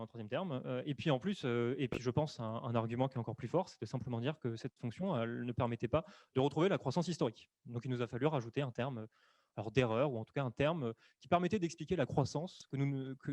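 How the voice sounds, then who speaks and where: A man explaining economics in a webinar, speaking quickly and filling his sentences with hesitations and self-corrections. The sound is dry and close, recorded on a desk microphone at his computer. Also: medium pitch, darkish tone, no room sound. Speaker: webinar presenter. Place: room at home or office, on camera.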